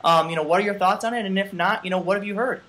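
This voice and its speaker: A young man in his twenties hosting a video call interview, brisk and casual with fillers. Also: high-pitched, sharp tone, rough recording. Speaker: interview host. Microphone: webcam on video call.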